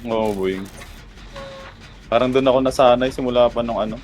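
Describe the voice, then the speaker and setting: A man's voice: mid-range voice, normal speed, darkish tone, a little hiss or hum. A man chatting casually with friends during an online game, calling out directions. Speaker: gamer playing with friends. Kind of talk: casual gaming chat.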